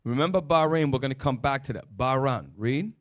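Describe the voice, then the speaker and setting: A man's voice: medium pitch, lively intonation, brisk. A man leads a religious teaching session, firing rhetorical questions and short commands to an assistant. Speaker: religious teacher leading a discussion.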